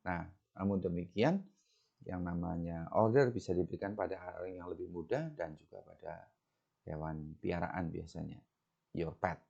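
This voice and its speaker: A man's voice: low-pitched, moderate pace, gravelly, a little mellow, husky. A man with an Indonesian accent teaching English grammar, patiently explaining in a bilingual lecture and reading the English examples aloud. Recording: dull lo-fi recording.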